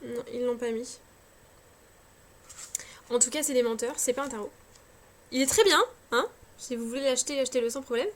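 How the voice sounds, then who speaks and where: Chatty, hesitant high-voiced woman. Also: moderate pace, long pauses. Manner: chatty, hesitant, many fillers and restarts, self-mocking. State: tired. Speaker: cartomancy vlogger. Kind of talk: casual chat showing card decks. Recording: faint scratching background noise.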